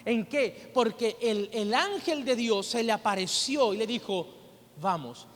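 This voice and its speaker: Venezuelan pastor man preaching, really high voice, long echo in the church. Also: a little slow. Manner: animated, acts out quoted voices. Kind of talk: sermon with storytelling. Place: church hall.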